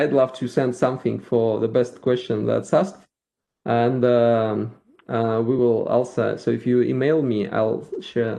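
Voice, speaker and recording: A man with a Russian accent walks through a live software demo, thinking aloud and restarting his sentences as he clicks around. His voice is gravelly and mellow, and his pitch sits at a middle level. He talks into a computer mic on a video call. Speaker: featured speaker at a developer meetup.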